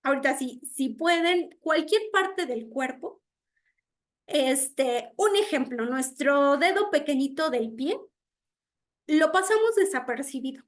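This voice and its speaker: A woman's voice: high-pitched, animated, slow. A woman giving an online speech therapy lecture. She explains with everyday examples, often checks in with "¿no?", and acts out how children mispronounce words.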